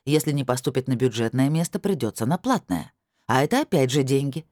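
A woman's voice: rumbling low, very animated, brisk, darkish tone, no echo, studio quality. A woman reading an audiobook voices its indignant first-person heroine, scolding and listing her demands in a raised voice. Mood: businesslike. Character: sharp-tongued indignant woman bargaining hard.

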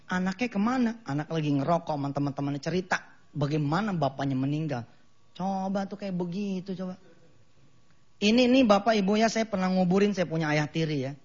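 A middle-aged Indonesian man with a Jakarta Betawi accent giving a lively, joking sermon in a mosque, acting out the voices of the people in his stories. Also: fairly high pitch. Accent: Betawi-flavored Jakarta Indonesian. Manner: lively, jokey, acts out quoted voices, laughs at own jokes. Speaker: preacher. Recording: dull lo-fi broadcast recording.

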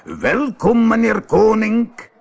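Storybook innkeeper, male, fawning and slow, high-pitched, husky; read by a man. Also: wildly swooping pitch, heavily acted.

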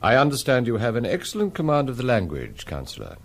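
An actor playing a courteous but steely spymaster, speaking formally and precisely in a screen drama. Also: male voice, medium pitch, wildly swooping pitch, fast talker. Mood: courteous, coolly menacing. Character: quiet, measured British spymaster interrogator, courteous but steely.

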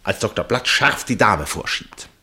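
Male narrator for a radio play, really low husky voice, measured and full of suspense. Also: animated, sharp tone, full character voice. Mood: tense. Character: male first-person narrator, absorbed witness of a chess match.

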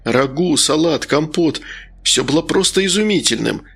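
A man narrating an audiobook in a steady storytelling manner. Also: a little high, normal speed, breathy edge. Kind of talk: scripted narration.

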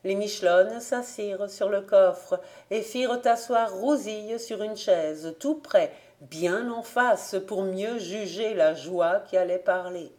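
A woman reads a literary audiobook in a measured, gentle voice. Her pace is unhurried and her tone soft and dark, at a middling pitch. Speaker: audiobook reader.

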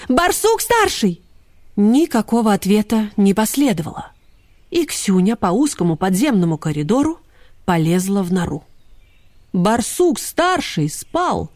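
A woman reading a children's animal story aloud in a lively, expressive way. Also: mid-range voice, moderate pace, no room sound, studio quality. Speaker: narrator. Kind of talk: storybook narration.

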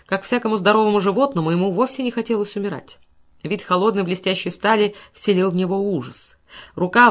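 A woman reading a classic novel aloud as an audiobook narrator, in a measured storytelling voice. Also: mid-range voice.

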